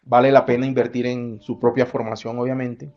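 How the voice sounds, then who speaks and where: A man's voice: medium pitch, little pitch movement, a little fast. A middle-aged man from the Colombian Caribbean coast with a coastal accent, giving a conference talk in a conversational way, full of fillers and self-corrections. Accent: Colombian coastal Spanish. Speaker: conference speaker. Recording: slightly dull lo-fi sound.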